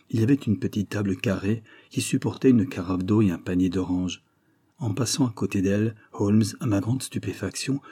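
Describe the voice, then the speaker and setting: A man narrating an audiobook in the first person, in a measured storytelling manner. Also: fairly low pitch, warm tone, slightly rough.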